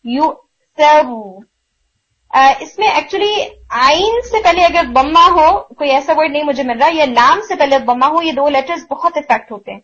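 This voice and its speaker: A woman with a high voice teaches recitation pronunciation in a patient, explaining way. She drags out the example sounds slowly and repeats them, and mixes English words into her talk. The audio is a little muffled and lo-fi. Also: animated, fairly bright tone. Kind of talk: online tajweed lesson.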